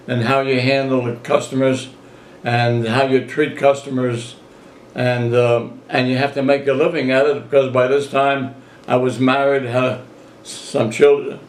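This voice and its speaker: An elderly man in his eighties shares memories in a casual interview. He talks like a folksy storyteller, repeating phrases and quoting conversations, with a medium-pitched voice in an echoey room. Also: flat delivery, measured pace. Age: 80s. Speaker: interviewee, grandfather reminiscing. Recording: roomy, echoey home recording.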